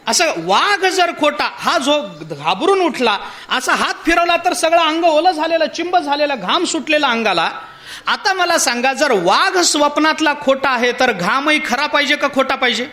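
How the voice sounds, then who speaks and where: A man's voice: extremely high pitch, normal speed. A man giving a devotional discourse, telling a parable and putting rhetorical questions to his listeners. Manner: poses rhetorical questions to the audience; animated storytelling with parable. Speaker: spiritual discourse speaker.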